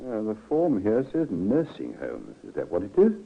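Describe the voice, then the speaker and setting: Self-important government clerk, lowish animated voice, probing, thin vintage radio sound. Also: male voice, normal speed, creaky, husky, exaggerated voice. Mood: officious, suspicious. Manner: officious, questioning. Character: officious, probing male health registrar. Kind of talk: old-time radio acting. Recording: tinny vintage radio recording.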